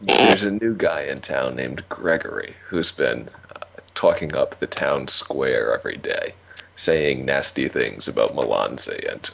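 A man playing a tabletop roleplaying game, speaking casually in character with a dry, deadpan manner. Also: rumbling low, measured pace, gravelly, background noise. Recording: slightly muffled recording.

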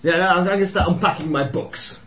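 A man's voice: high voice, fairly quick, a crowd in the background. A man playing a tabletop role-playing game, bantering casually and describing his character's actions. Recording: noisy room recording.

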